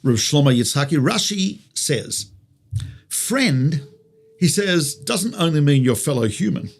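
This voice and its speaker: An Australian rabbi teaches conversationally through stories, his voice a little high for a man with a clear gravelly fry and a sing-song quality at a measured pace. He asks rhetorical questions and repeats key phrases for emphasis.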